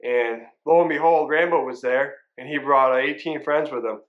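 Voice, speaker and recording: A man hosting a vlog, telling a hunting story in a relaxed, rambling way. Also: mid-range voice, moderate pace, lo-fi sound. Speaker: vlog host and hunter. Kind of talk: casual vlog intro.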